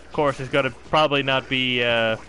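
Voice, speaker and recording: A man's voice: medium pitch, fairly even intonation, brisk. Giggly young man chatting over game noise. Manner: giggly, rambling, laughs often. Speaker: gaming channel host. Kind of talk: casual gaming chat. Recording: game sounds loud behind.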